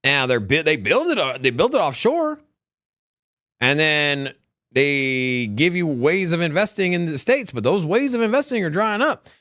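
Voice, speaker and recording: On a crypto news live stream, a male co-host talks casually and animatedly, rambling into asides and restarting often. His voice is a little high and moves at a moderate pace. The sound is dry and clean, studio quality.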